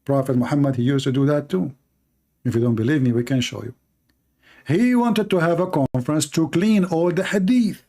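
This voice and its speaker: A man with a slightly high, slightly mellow voice hosts a polemical religious commentary. Arabic is his first language, and his English is emphatic and repetitive, with non-native phrasing, as befits his role as a religious debate host.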